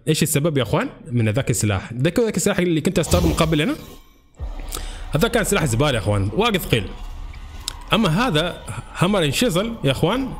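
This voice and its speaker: A man with a Gulf Arabic accent giving excitable gameplay commentary to his viewers, yelping when in danger. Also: mid-range voice. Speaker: gaming channel host.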